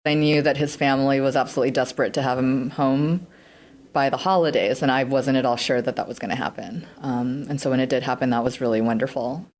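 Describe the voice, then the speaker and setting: Brief: female attorney, documentary interviewee, very deep voice, fast delivery. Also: fairly even intonation, darkish tone.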